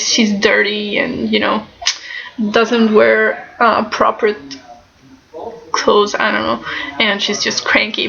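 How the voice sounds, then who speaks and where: A woman chats casually and haltingly about her things, sounding nasal and stuffed up, as if with a broken nose. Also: on the high side, gravelly, fairly bright tone. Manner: halting, often breaking into small laughs. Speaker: book vlogger. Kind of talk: casual chatty book haul. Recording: slightly dull, lo-fi sound.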